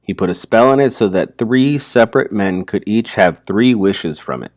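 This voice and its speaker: A man's voice: lowish voice, expressive, normal speed, a little mellow, no room sound, highs cut off. A man explaining a short story in an informal, colloquial teaching style, checking in with pointed questions.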